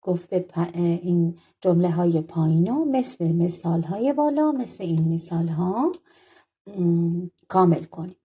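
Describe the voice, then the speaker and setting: A woman's voice: on the low side, expressive, warm tone, slightly rough. A woman teaching a language lesson, working patiently through textbook exercises, asking questions and answering them herself. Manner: patient, asks questions then answers them, slow over example phrases.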